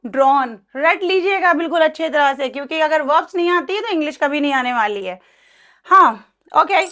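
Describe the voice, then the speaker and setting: Woman, bright high voice, patient teacher repeating words for pronunciation. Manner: mixes Hindi and English, repeats each verb form slowly; careful pronunciation drills. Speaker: English teacher. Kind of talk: spoken grammar lesson.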